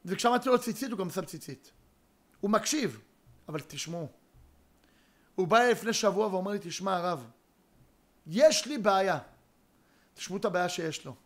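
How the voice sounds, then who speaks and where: A man giving a Torah lecture as a rabbi, telling a story with dramatic pauses and sudden emphasis. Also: high-pitched, lively intonation.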